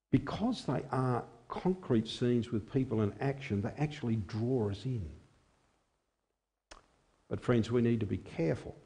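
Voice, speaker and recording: Gravelly older man preaching. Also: mid-range voice. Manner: measured, expressive, gesturing at a lectern. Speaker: chaplain preaching. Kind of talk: sermon. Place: small chapel, indoors. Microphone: lectern microphone.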